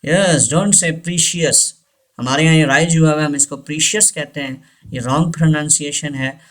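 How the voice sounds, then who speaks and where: A man teaching English pronunciation, switching between Hindi-Urdu and English and repeating each word slowly. His first language is Hindi-Urdu. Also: a little high, steady tone, fairly bright tone. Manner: mixes Hindi-Urdu and English, slow deliberate repetitions. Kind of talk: slow spoken language lesson.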